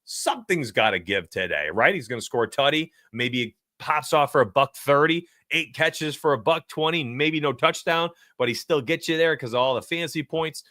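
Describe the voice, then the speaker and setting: A man hosting a casual sports betting livestream, talking in an animated, rambling way and chuckling often. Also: fairly high pitch, moderate pace, hardly any pauses, no echo, studio quality. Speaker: sports betting show host.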